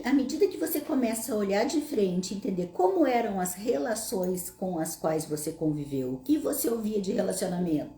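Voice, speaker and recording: A woman from Rio Grande do Sul, Brazil, speaks with a Gaúcho Brazilian Portuguese accent in a lowish, mellow voice with a roomy sound. As a psychologist host answering audience questions, she gives a casual, conversational explanatory monologue and poses rhetorical questions to listeners.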